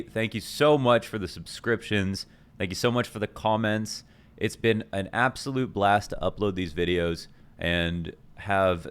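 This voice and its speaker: A man's voice: on the low side, clean tone. Enthusiastic man chatting to his viewers. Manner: enthusiastic, rambling, self-correcting. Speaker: esports coach and YouTuber. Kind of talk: casual talk to camera.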